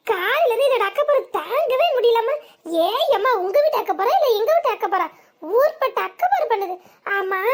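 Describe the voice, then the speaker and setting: A sharp-tongued village daughter-in-law in a cartoon, played by a woman, with a broad Tirunelveli Tamil accent. Her voice is extremely high-pitched and shrill. She taunts and orders people around in a mocking, scolding way. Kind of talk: cartoon voice acting.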